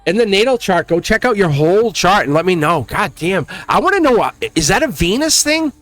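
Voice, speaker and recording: A man's voice: sits high, sing-song, brisk, fairly bright tone, no echo. A middle-aged man with a Boston accent, hosting a casual, rambling tarot reading in slangy, exclamatory language aimed straight at viewers. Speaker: tarot reader and channel host.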